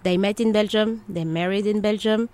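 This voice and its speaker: Speaking at a normal pace with a medium-pitched, slightly mellow voice, this woman keeps her tone steady. She is an interview guest from the Democratic Republic of Congo whose Congolese French accent colors her hesitant, short English phrases as she shares her life story conversationally.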